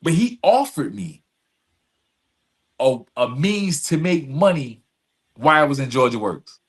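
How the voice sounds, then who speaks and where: With a higher voice and lively intonation, he keeps a measured pace as he shares personal stories on a podcast. The long-form exchange is candid and emphatic, marked by street slang and repeated phrases.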